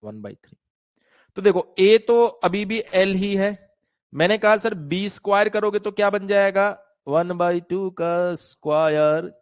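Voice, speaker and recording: A physics teacher in a live online class, a man with a fairly high voice. He talks in a chatty, teasing way and often breaks into little impressions of students and newsreaders. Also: clear, resonant tone.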